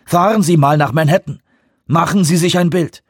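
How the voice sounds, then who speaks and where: A man's voice: on the high side, normal speed, husky, no room sound, clean studio sound, pitched above the performer's own voice. A man voicing a grim, impassioned male official in an audiobook, urgent and grave.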